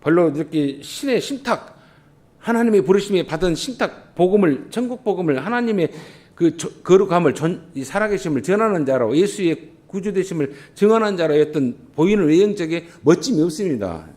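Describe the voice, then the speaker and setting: A man preaching with a Jeolla Korean accent, his pitch climbing and dropping all over the place. He moves between loud, pressing stress and hushed asides in the way of a church sermon. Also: lively intonation. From Jeolla region, South Korea. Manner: impassioned, swinging from loud emphasis to quiet, drawn-out asides. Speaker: pastor. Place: church sanctuary.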